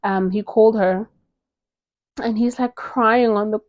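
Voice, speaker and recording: A woman from South Africa giving a casual book recommendation vlog, talking in a gushing, animated way with lots of fillers. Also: mid-range voice, unhurried, dry recording, lo-fi sound. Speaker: book reviewer.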